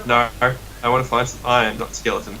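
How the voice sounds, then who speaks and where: Bright-voiced man bantering over a game. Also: mid-range voice, little pitch movement, fairly quick. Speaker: gamer. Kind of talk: casual gaming banter. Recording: distant mic with faint noise.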